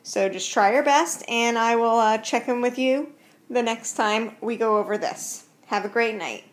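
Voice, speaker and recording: A woman's voice: on the high side, unhurried. A woman teacher recording a homework walkthrough on a tablet at home, explaining step by step in an easygoing way. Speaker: math teacher. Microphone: tablet built-in mic.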